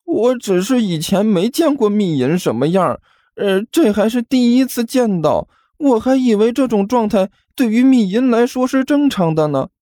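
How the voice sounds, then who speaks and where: A man's voice: sits high, expressive, normal speed, mellow, no echo, studio quality, voice pushed up. A man voicing a nervous, deferential male underling who stammers. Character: timid fawning male underling, stammering servant.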